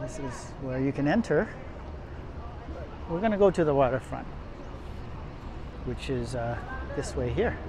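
On a casual walking tour outdoors, a man in a mid-range voice rambles through his narration with plenty of fillers and restarts as he walks and films. He's the vlogger behind the handheld camera, off screen, and the busy street carries crowd chatter and passing traffic.

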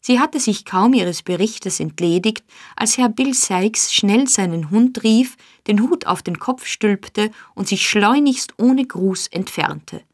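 A woman narrating a classic novel as an audiobook, in a measured, even storytelling manner, on a close studio mic. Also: medium pitch, no room sound. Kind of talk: scripted narration.

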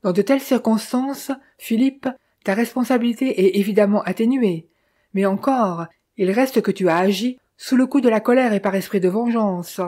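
A woman's voice: medium pitch, normal speed, dark tone, close to an everyday voice. A woman reading a stern, insistent older brother. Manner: insistent, questioning, reasoning. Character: stern man pressing his brother to confess.

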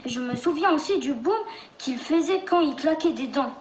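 A woman's voice: high voice, lively intonation, normal speed, dull audio. A woman reading a children's story aloud as its narrator. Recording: roomy recording with faint noise.

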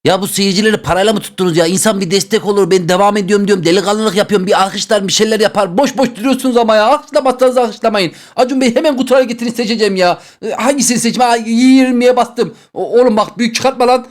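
A gaming YouTuber plays an online game show for his channel, joking and reacting loudly as he picks boxes. He's excitable, with rapid banter and big swings in pitch.

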